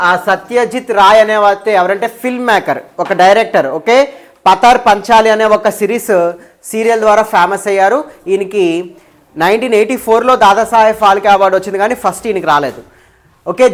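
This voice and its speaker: A woman's voice: mid-range voice, fairly quick. Woman teacher who keeps asking "okay?". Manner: keeps checking "okay?", mixes English terms in. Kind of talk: exam paper explanation class. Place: live class with students.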